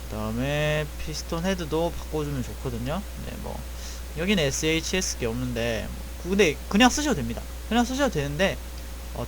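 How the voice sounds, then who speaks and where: The audio is poor, with slight background noise, as a man with a slightly high voice tutors viewers on airsoft repair. His screen-recorded walkthrough covers buying gearbox parts casually and step by step, and he often corrects himself partway through sentences.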